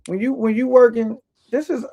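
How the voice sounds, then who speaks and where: Man, high voice with gravelly fry, livestream headset audio, laid-back rambling co-host. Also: steady tone, normal speed, dark tone, highs cut off. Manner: laid-back, rambling, reads chat aloud. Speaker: livestream co-host reading chat. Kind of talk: casual livestream talk.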